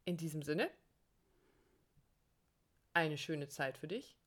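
A woman co-hosting a coaching podcast, speaking directly to the listener in a warm, encouraging way. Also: sits low, slow. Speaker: co-host, relationship coach. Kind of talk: conversational podcast talk.

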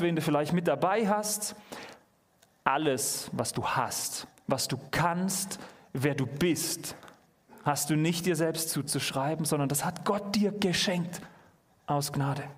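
A man's voice: a little high, lively intonation, unhurried. A man preaching a sermon, earnest and questioning the listeners directly, pushing his voice up when he stresses a point. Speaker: preacher at a youth church service. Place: church hall.

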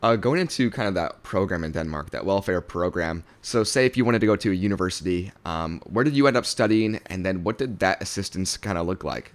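A man's voice: sits low, lively intonation, a little fast, few pauses. A man hosting a podcast interview, reading a polite scripted intro and then asking questions with brief encouraging replies. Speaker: podcast host.

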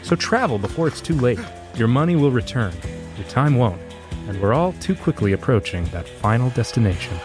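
Man as animated, portentous travel-guide narrator. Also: mid-range voice, normal speed, lightly acted. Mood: wry, portentous. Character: travel-guide narrator with a wry, ominous edge. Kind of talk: scripted trailer narration. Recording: music behind narration.

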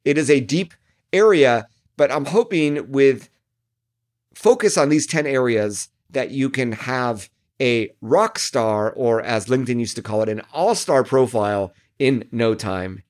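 A man's voice: medium pitch, measured pace, a little mellow. Man coaching listeners from his home office. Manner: friendly, direct, coaching tone with asides. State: slightly losing his voice. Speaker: podcast host and digital marketing coach. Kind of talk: solo podcast monologue.

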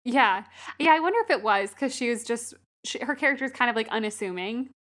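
A woman co-hosting a casual movie discussion podcast, conversational and quick to agree. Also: a little high, expressive, fairly bright tone. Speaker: podcast co-host.

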